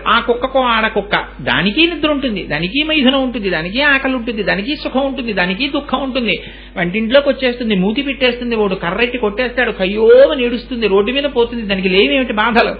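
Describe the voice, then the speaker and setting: A man giving a devotional sermon. He recites verses slowly and his pitch swings from low to high as he explains them. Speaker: spiritual discourse speaker. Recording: dull lo-fi recording.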